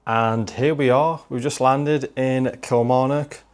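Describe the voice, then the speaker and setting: A man's voice: mid-range voice, steady tone, slow, no echo. A young man chatting casually on a travel vlog, tired from a long drive. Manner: chatty, tired, self-deprecating. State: worn out from driving. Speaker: game collecting vlogger.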